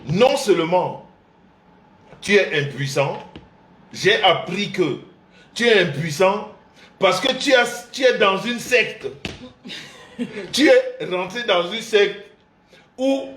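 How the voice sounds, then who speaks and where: A man host of a live couples show, telling a family story with animated voices and frequent laughter. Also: sits high, reverberant, a little hiss or hum. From Central Africa. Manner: acts out his mother's and father's voices, laughing often. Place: indoor room, livestream.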